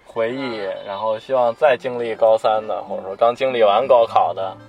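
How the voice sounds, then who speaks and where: A man's voice: lowish voice, fairly even intonation, moderate pace, a little mellow, soft background music. A man in a casual podcast chat, easygoing and wrapping up topics. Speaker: podcast co-host.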